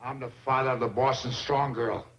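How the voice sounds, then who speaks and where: Actor as a bellowing belligerent sitcom bully dad. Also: male voice, mid-range voice, steady tone, brisk, a bit bright, natural voice. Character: belligerent bullying father of a wrestler. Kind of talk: 1960s TV sitcom acting. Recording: dull lo-fi TV soundtrack, faint noise.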